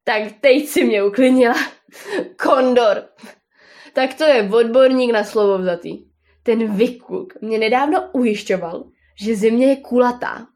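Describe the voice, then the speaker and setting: A loud, mocking male bear who laughs at everyone's tales, put on by a woman reading a storybook. He sneers and talks down with smug certainty, in a fairly high voice. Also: lightly acted. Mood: sneering. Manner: booming laughter, scoffing. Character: boisterous scornful male bear, mocking know-it-all.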